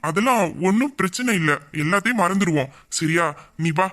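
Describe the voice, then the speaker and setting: A man's voice: high-pitched, animated, fairly quick, a bit bright. A man voicing a young man in an audio drama who patiently comforts and reassures his tearful best friend. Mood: soothing. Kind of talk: emotional audio drama acting.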